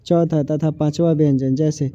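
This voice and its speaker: A man's voice: on the high side, fairly even intonation, normal speed, warm tone, dry recording. A man with a Hindi accent from Bihar, teaching a grammar lesson for exam prep. He asks questions and answers them himself, and he stretches out each sound as he says it. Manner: repetitive, asks and answers his own questions; drags out sounds when saying them. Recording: dull, dry, lo-fi voice recording.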